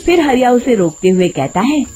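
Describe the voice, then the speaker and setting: A woman's voice: fairly high pitch, very animated, normal speed, dark tone, soft background music. A woman narrating a scripted moral story for children.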